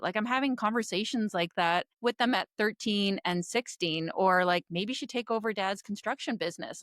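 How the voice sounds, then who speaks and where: A woman in her forties from Canada hosts a casual interview. She talks in a chatty, candid way, with frequent "like" and quick restarts, at a middle pitch for a woman. The sound is close and dry. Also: fairly bright tone, no room sound. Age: 40s. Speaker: podcast host.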